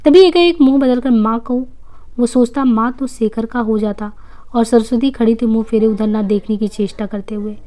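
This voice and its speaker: A woman reading a novel aloud at a steady pace, sometimes slipping and restarting a phrase. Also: fairly high pitch, moderate pace. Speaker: reader.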